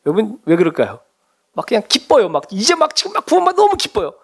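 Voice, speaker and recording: A man's voice: sits high, fast talker, creaky, husky. A middle-aged man preaching as a pastor, talking to the congregation in a conversational way and asking many questions. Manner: animated, conversational preaching with frequent rhetorical questions. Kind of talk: sermon.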